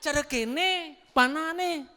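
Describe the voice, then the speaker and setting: Balinese-accented villager, loud and high, excitable, played by a male preacher; long church-hall echo. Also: slow, full character voice. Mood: excited. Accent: Balinese Indonesian imitation. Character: excited villager gathering manna, chattering.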